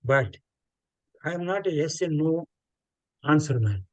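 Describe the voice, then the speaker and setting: A man's voice: fairly high pitch, expressive, a little slow, no room sound, highs cut off. Older South Indian man, expansive talker. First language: Telugu. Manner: expansive, explanatory, emphatic repetition. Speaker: interview guest. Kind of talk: reflective interview talk with anecdotes.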